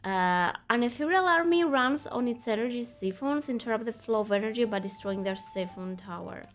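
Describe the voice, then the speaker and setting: Over soft background music, a young woman with a fairly high, animated voice talks a little fast while streaming a game. She chats casually with her viewers, laughs easily, and reads quest text aloud as part of her gaming commentary.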